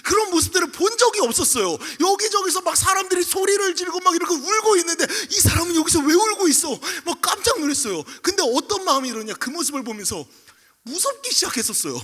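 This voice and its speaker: A young male pastor preaching in an animated storytelling style, acting out scenes and voices. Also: very high-pitched, fast. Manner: lively, acts out scenes, shouts and mimics voices. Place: church sanctuary. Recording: livestream with long hall reverb.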